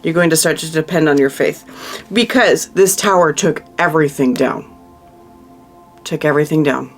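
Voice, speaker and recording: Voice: medium pitch, moderate pace, faint music behind. Emotional tarot reader thinking aloud. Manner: thinks aloud while turning cards, emotional and consoling; frequent restarts and trailing-off phrases. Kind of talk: monthly tarot reading, talking to the viewer.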